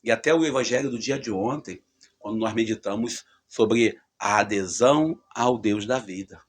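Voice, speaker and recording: A man's voice: on the low side, normal speed, slight background noise. A man giving a conversational gospel reflection, with fillers and emphatic rises. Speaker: preacher.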